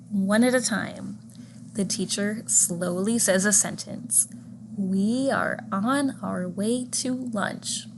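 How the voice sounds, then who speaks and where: A woman delivers a scripted lecture in a measured, clear voice of middling pitch. She slows down to spell out example words and single sounds. A steady hum of noise sits behind her voice in the recording. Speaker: teacher educator. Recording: audible background noise.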